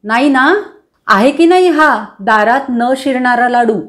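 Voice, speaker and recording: A quick-tempered male cucumber seller in a spoken folk tale, played by a woman reading aloud. He talks excitably with strong emphasis in a high-set voice. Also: natural voice. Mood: excited.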